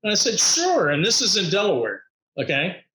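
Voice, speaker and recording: A man, a podcast guest, telling his travel stories in an upbeat, animated way, laughing often and acting out the voices of people he met. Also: sits high, a little fast, reverberant, poor audio. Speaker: podcast guest, motivational speaker. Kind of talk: animated storytelling in conversation.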